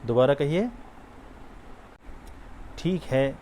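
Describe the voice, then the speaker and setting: A man teaching a spoken Arabic class, running repeat-after-me drills. He says each phrase slowly and clearly, then prompts the listener to say it again. His voice sits at a middle pitch, and he cheers learners on. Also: dark tone, a little hiss or hum. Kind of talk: spoken language drill lesson.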